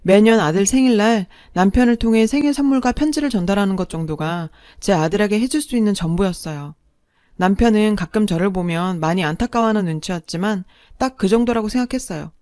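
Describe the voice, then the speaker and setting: A woman's voice: mid-range voice, brisk, dark tone, no room sound, clean studio sound. Woman narrating a sad story. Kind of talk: scripted first-person story narration.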